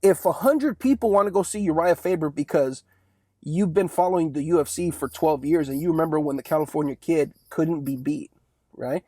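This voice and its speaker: Young man, high voice, casual sports vlogger, rambling chat, dry close mic. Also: a little fast, mellow, no echo. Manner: rambling, chatty, keeps asking "right?". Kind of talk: casual one-take sports monologue.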